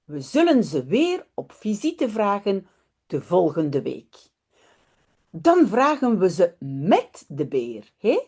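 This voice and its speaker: A woman teacher voicing a gentle mother from a storybook who softly chides and then soothes her child, with a mellow voice. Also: mid-range voice, huge pitch swings, takes it slowly, husky, full character voice.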